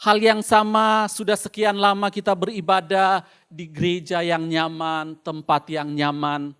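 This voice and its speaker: An Indonesian man preaching a sermon through a face mask, slightly muffled, deliberate, pausing and repeating phrases for emphasis. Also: sits high, little pitch movement, a bit bright, smooth.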